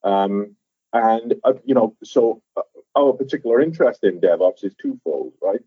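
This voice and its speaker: A man who is a guest on a podcast, explaining his work in a measured way with some fillers and restarts. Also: lowish voice, lively intonation, breathy edge, no echo. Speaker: podcast guest, software architect. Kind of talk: conversational interview. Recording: tinny phone-line audio.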